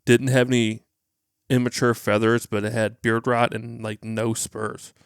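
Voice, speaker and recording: A man's voice: mid-range voice, flat delivery, a little slow, vocal fry, smooth, no room sound, studio quality. A young man co-hosting a hunting podcast, chatting casually in a matter-of-fact way with brief replies. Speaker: podcast co-host. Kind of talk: casual chat. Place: small hunting shop studio. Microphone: headset or boom mic.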